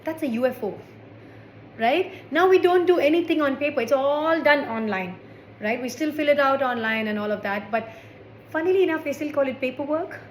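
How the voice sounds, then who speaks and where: A woman's voice: sits high, lively intonation, a little fast. A woman in her forties from India doing a stand-up comedy set with wry, sarcastic asides. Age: 40s. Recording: echoey room with faint background noise.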